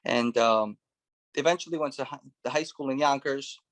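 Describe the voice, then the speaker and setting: In a laid-back interview, a man in his thirties from Russia describes his journey from police work to real estate investing, often saying "you know" and "right". His tone is fairly bright, his pitch medium, and his pace moderate.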